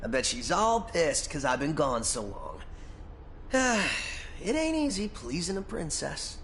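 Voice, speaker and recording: Grumbling student guy, American accent, gravelly edge, fairly high pitch, slangy game dialogue. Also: very animated, measured pace, a bit bright, a little hiss or hum, full character voice. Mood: grumbling, uneasy. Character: brash, grumbling, slangy young male student. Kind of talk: video game voice acting.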